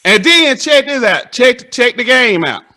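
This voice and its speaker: A man, hosting a casual interview and telling animated stories that act out the dialogue. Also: very high-pitched, measured pace. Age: 30s. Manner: animated storytelling, acts out dialogue.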